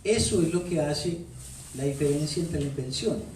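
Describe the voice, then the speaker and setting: A man's slightly high, darkish voice moves at a normal speed as he, a Colombian author with a paisa accent, playfully tells stories at a book launch, repeating phrases for effect. He uses a handheld microphone in a bookstore event room. The sound is far off and echoey, with some faint hiss or hum.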